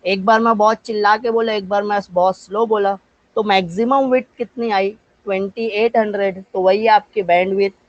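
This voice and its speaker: A man from India, his Indian-accented voice high-pitched and steady in tone, teaches physics to a live online class. He poses and answers his own questions, dictates English definitions at a slower pace, and names students to call on. The sound is lo-fi with no echo.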